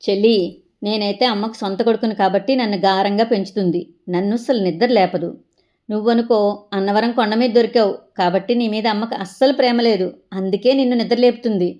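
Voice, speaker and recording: A woman's voice: mid-range voice, fairly even intonation, a little fast, darkish tone, highs cut off, natural voice. A woman voicing a cheeky older brother who mocks his little sister in a comic family sketch. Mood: teasing. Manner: mocking, teasing. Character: teasing older brother, cheeky young man.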